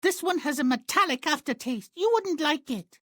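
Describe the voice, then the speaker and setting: A man's voice: very high-pitched, animated, moderate pace, dry recording, studio quality. A man voicing a plucky, blunt little girl with a pert, matter-of-fact delivery in a fairy-tale game. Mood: pert, unafraid.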